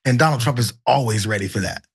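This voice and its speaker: A man co-hosting a political show, commenting conversationally with emphatic rhetorical questions and halting phrases. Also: mid-range voice, husky.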